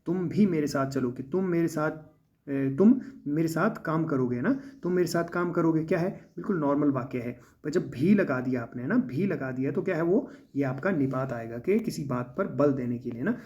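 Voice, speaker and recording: A man's voice: fairly high pitch, expressive, moderate pace, a little mellow, muffled recording. A man teaching a grammar lesson for exam preparation, explaining step by step and often checking in with "है ना". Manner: explains with frequent "है ना" tags.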